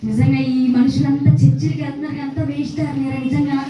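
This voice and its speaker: A woman's voice: high-pitched, level tone, fast talker, warm tone, soft background music, close to an everyday voice. A woman playing a worried, fretting evil spirit in an amateur church skit. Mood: fretful. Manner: fretful, worried. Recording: very echoey, distant.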